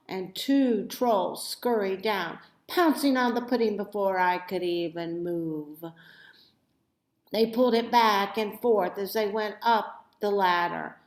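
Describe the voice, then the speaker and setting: A woman with a medium-pitched voice reads a children's story aloud, phrasing it expressively and deliberately. The recording sounds roomy and echoey.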